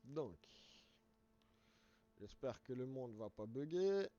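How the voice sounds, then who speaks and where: Hoarse man streaming a game. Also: mid-range voice, big pitch swings, slow, dark tone, slight background noise. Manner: rambling, restarts words, explains step by step. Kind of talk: casual live-stream game commentary. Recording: dull lo-fi stream audio.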